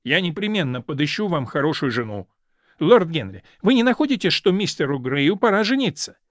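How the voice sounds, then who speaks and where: A man's voice: a little high, sing-song, brisk, a bit bright, dry recording, clean studio sound, voice pushed up. A man reading aloud and voicing a chatty, meddling older society lady who plays matchmaker, in a fussy, teasing manner.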